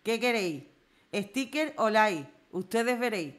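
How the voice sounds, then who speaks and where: A woman runs a casual live stream and reads viewers' comments. She talks in a lively, teasing way and breaks into exclamations and laughs. Her voice sits at an ordinary middle pitch. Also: unhurried.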